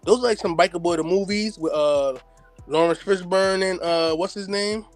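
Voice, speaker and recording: A man's voice: high-pitched, moderate pace, faint music behind. A man co-hosting a casual sneaker podcast, joking around in loose slang. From United States. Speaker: podcast co-host.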